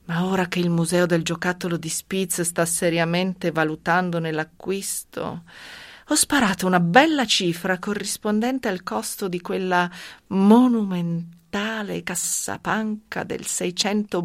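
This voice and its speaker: A greedy scheming widow. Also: female voice, on the low side, dry recording. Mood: brooding. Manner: slow, brooding inner monologue. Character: greedy scheming widow, brooding and self-indulgent. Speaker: radio drama actress. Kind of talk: radio drama monologue.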